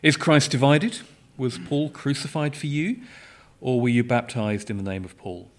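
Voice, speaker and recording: A man giving a measured, solemn Bible reading during a church service. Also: medium pitch. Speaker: scripture reader.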